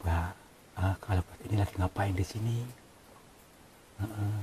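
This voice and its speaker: A man's voice: fairly low pitch, fairly even intonation, a little slow, dark tone, slight background noise. Hesitant apologetic man in a cave. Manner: hesitant, apologetic, many fillers. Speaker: cave-exploring vlogger. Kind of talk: hushed polite on-location talk.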